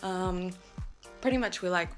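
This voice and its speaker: Chatty mom vlogging at home. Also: female voice, lowish voice, a little slow, soft background music. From Southern US. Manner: chatty, frequent "um" fillers. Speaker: family vlogger. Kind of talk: casual vlog chat.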